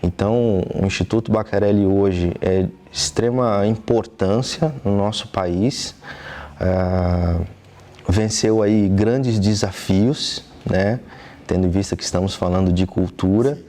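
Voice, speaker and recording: A young man from southeastern Brazil with a Brazilian Portuguese accent, answering interview questions earnestly in a TV studio, pausing often with fillers. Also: lowish voice, warm tone. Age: young adult. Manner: earnest, thoughtful, with frequent hesitation fillers. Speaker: interview guest, trumpeter.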